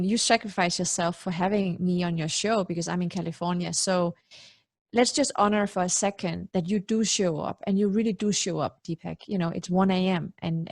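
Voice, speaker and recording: A woman in her forties who grew up in Denmark speaks as a guest in a candid web interview, effusive and personal, peppering her talk with "you know." Her voice is mid-range with a darkish tone, heard over a video call mic with no echo and studio quality.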